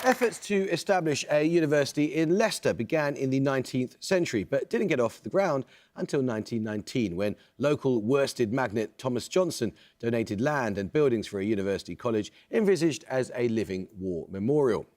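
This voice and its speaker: A man hosting a quiz show, reading questions in a crisp, measured, authoritative way. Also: mid-range voice, animated, a little mellow, some chatter behind.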